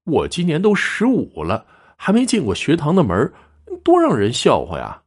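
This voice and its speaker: A man's voice: on the high side, huge pitch swings, normal speed, slightly rough, voice pushed up, full character voice. A man voicing a fifteen-year-old village boy who talks in a whiny, indignant way. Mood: sulky.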